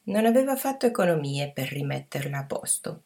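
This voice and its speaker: A woman reads a children's story aloud as an audiobook narrator. Her voice sits low and has a gravelly creak, and she keeps an even, measured pace through the narration.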